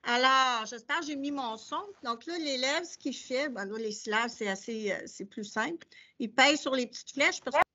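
A woman's voice: sits high, moderate pace, sharp tone, highs cut off. A woman teacher with a Québécois French accent, presenting her teaching materials to colleagues and explaining them step by step. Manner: explains step by step while paging through documents. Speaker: adult literacy teacher.

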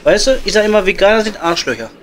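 A man plays a blunt, joking, sweary working-class coal miner at his pub in an improvised comedy audio play, chatting with a Ruhr area German accent. His voice is high-pitched and a bit bright, sing-song, and very fast.

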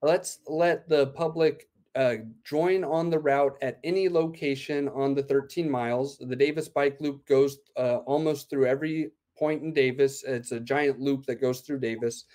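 His medium-pitched voice is mellow and fairly even, moving at a moderate pace with few pauses. The man, an event organizer in his thirties, explains plans brightly but with many "uh" fillers during a video call interview from a room at home via laptop webcam.

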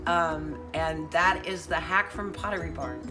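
A woman's voice: on the low side, fairly even intonation, measured pace, over music. A woman in her fifties chatting casually through a home craft tutorial, rambling with many fillers and restarts. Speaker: craft vlogger. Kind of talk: casual DIY tutorial chat. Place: living room at home.

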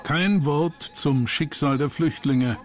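A man narrates a history documentary at a slow pace over clear background music. His delivery is sober, grave and measured, with a mid-range pitch.

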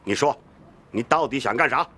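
An actor playing a brusque, authoritative police section chief. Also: male voice, mid-range voice, lively intonation, normal speed, sharp tone, slight background noise. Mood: stern.

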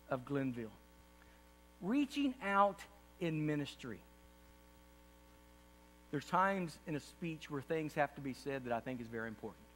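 A middle-aged man, a pastor, giving an earnest state-of-the-church address from a podium on a large auditorium stage, rising to impassioned emphasis. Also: fairly high pitch. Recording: distant reverberant hall with faint hum.

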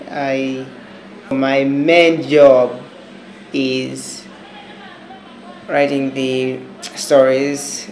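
A man with a Malawian accent introducing his work in a halting way, searching for words. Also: mid-range voice, gravelly, a little mellow, roomy sound, slight background noise, rough recording. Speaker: charity staff writer and translator.

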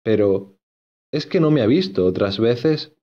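A man's voice: mid-range voice, lively intonation, unhurried, dark tone, muffled recording, close to an everyday voice. A man voicing a shy, tearful young maid in a storybook reading, speaking in a hesitant, pleading way.

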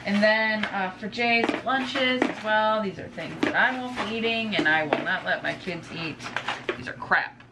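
A medium-pitched woman's voice at normal speed: she's a vlogger and stay-at-home mom in her twenties. In her home kitchen she chats casually to camera about her groceries, rambling and slipping into asides, on a clearly noisy recording with room ambience.

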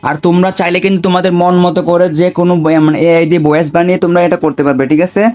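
A man with a high, darkish voice races through an informal step-by-step gaming tutorial in a level tone. He repeats himself and keeps checking in with frequent tags.

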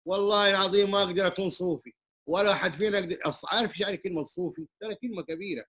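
A man's voice: high-pitched, very fast, fairly bright tone, husky. An older man with a Hijazi Arabic accent speaking in an open conversation at a community hall, humble and emphatic, with many religious phrases. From Saudi Arabia. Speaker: interviewee, traditional singer and muezzin.

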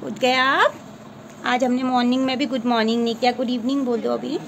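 A woman's voice: fairly high pitch, little pitch movement, a little fast, creaky, a little hiss or hum, poor audio. A woman vlogging casually about her family, coaxing her children to talk. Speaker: vlogger, mother. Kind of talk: casual family vlog chat.

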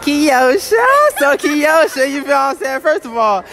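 A man's voice: extremely high pitch, unhurried. A young man hosting a casual street interview in a shopping mall, talking in slangy, hyped bursts and repeating his catchphrases. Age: young adult. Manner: hype, slangy, animated, repeats "you know what I'm saying".

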